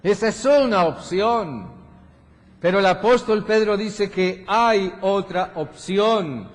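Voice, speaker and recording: A man with a Colombian accent preaching a sermon as pastor, measured and full of rhetorical questions. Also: high voice. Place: large church hall. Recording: church hall reverb.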